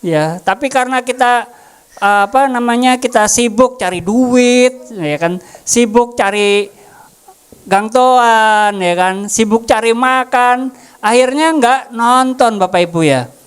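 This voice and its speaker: A woman's voice: a little high, slow, clean tone. A woman preaching a casual sermon, joking and asking the congregation questions. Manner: jokey, asks the congregation questions.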